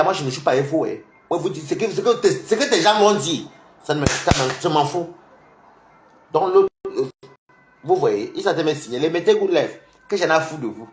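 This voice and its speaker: Speaking a little fast with big pitch swings, a fairly high-voiced social media commentator rants at online rivals, taunting and mocking them in repeated jabs. He veers between loud outbursts and low muttered asides in this confrontational rant, recorded in an echoey room.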